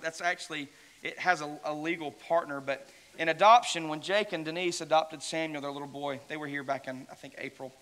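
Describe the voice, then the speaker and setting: A man's voice: fairly high pitch, sharp tone. A man preaching a sermon, retelling a friend's story in a conversational way with quoted dialogue. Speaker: pastor. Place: church.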